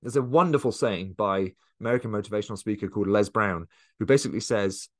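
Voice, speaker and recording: A man's voice: on the low side, fast. A man coaching listeners in a casual, earnest motivational monologue, with frequent fillers and restarts. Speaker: coach and podcast host.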